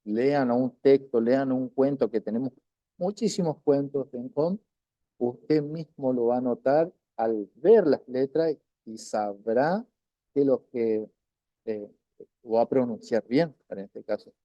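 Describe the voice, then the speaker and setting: A man's voice: mid-range voice, no echo. Patient man teaching pronunciation, dull lo-fi. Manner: patient, repeats words slowly, frequent "¿no es cierto?". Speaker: language teacher. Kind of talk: recorded language lesson.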